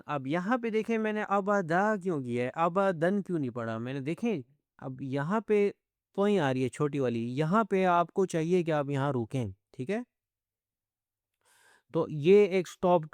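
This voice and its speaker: A man teaching Quran recitation step by step, explaining each letter and then chanting verses slowly. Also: fairly high pitch, smooth, no echo.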